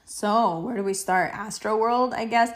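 A woman's voice: medium pitch, measured pace. A woman with a mid-range voice hosts a solo podcast. She rambles casually and playfully, mixing slang and swearing and stretching out words for emphasis. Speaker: podcast host.

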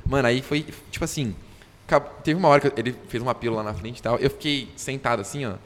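A man's voice: medium pitch, fast talker. A young man co-hosting a podcast, telling a story in slangy, casual chat. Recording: long hall reverb, faint noise.

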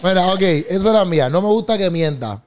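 A man with a notably high voice hosts a relaxed family podcast. He talks in a playful, teasing way and keeps directing the others' turns. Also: fairly quick, noisy background. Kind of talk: casual family podcast chat.

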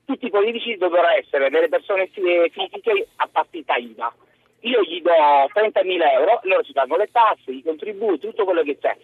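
High-pitched man on a rough phone line. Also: animated, fairly quick. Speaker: radio phone-in caller. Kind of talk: spontaneous opinion on a call-in show. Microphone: telephone. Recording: muffled narrow telephone line.

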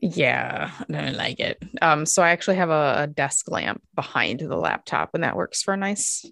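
A woman's voice: sits low, sing-song, moderate pace, gravelly, fairly bright tone, no room sound. Chatty woman podcaster in a dry room. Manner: chatty, rambling, many fillers. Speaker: podcast co-host. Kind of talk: casual chat. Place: home craft room with TV fireplace sounds.

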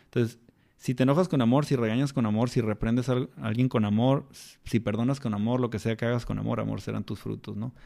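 A man's voice: mid-range voice, fairly even intonation, fast talker, gravelly, mellow. A man with a Mexican accent, a mentor of children, talking in a casual interview in a colloquial, reflective way full of slang. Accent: Mexican Spanish.

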